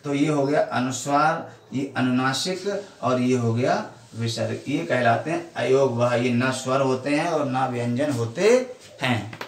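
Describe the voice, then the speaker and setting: A man's voice: medium pitch, a little slow, recorded from a distance. A man teaching a Hindi grammar lesson with a Badaun accent, asking questions and then answering them himself. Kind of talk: classroom lesson. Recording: echoey room, voice off-mic.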